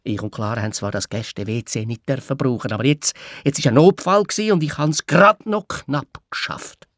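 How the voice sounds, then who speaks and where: A man's voice: medium pitch, moderate pace, no echo. A man with a Swiss German accent narrating a children's audio story in a playful, childlike first person. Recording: dry studio read with soft music.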